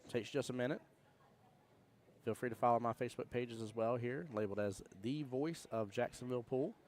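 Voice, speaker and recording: A man's voice: mid-range voice, brisk, a little mellow, a little hiss or hum. A man commentating casually on a live pool stream, chatting with viewers in a folksy, friendly way. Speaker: livestream pool commentator and host. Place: indoor pool hall. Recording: small fan near the mic.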